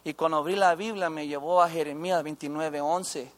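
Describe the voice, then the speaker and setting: High-voiced man, halting testimony. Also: steady tone. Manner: halting, with restarts and mixing in English phrases. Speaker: former inmate giving testimony. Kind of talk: personal faith testimony.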